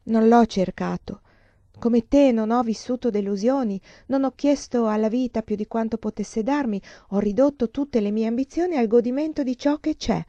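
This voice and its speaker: A woman voicing a worldly, pleasure-loving young courtesan who speaks to her sister gently and slowly, in a dull lo-fi recording. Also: fairly high pitch, no room sound, natural voice. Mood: reproachful.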